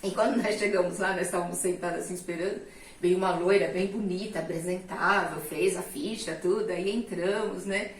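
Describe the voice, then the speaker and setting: A woman's voice: fairly low pitch, steady tone, brisk. A middle-aged woman telling a personal testimony in casual conversation, acting out the voices she quotes. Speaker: guest telling her testimony. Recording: roomy sound, mic at a distance.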